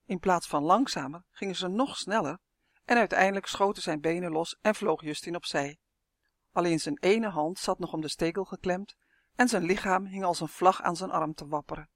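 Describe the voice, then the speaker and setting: Woman reading a kids story, lively and expressive, dry close mic. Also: fairly low pitch, moderate pace, no echo. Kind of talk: storybook narration.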